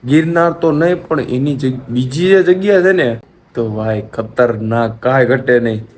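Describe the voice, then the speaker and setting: A young man from Gujarat talks into his phone, joking and coaxing in a loose vlog chat. His voice sits in a middle pitch, with a faint hum behind him at home. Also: a little slow. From Gujarat, India. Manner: playful, pleading. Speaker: vlogger. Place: family home, rooftop.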